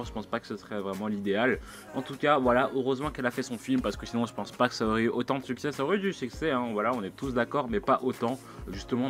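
A man's voice: medium pitch, a bit bright. Rambling young guy. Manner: rambling, slangy, many fillers. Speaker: YouTuber. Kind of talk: casual vlog monologue.

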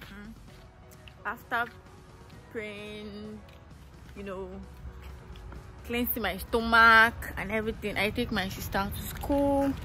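A woman's voice: mid-range voice, bright, forceful tone. A young woman with a Nigerian accent, vlogging casually outdoors into a phone held at arm's length and chatting with a laugh in her voice. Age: young adult. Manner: chatty, laughing, switching into pidgin. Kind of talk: casual vlog walkthrough. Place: outdoors in a rural neighborhood.

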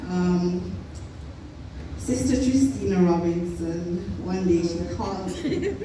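A woman leading a church music ministry, telling an animated story in an interview and quoting herself as she goes. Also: lowish voice, takes it slowly, noisy background. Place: large church hall. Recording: echoey hall from far off.

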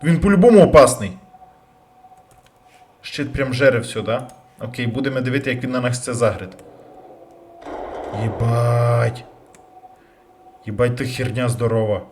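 A man commentating his own gameplay, bursting into loud curses and then dropping to quiet muttering. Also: mid-range voice, slight background noise. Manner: loud outbursts and heavy swearing; jumpy, rapid switches between yelling and muttering. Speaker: let's play gamer.

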